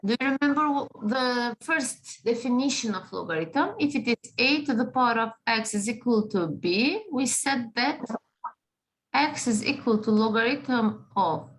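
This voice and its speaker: A woman's voice: on the high side, lively intonation, unhurried, slight background noise, rough recording. A woman teaching a math class, patient, often checking in with the students. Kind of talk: classroom lesson.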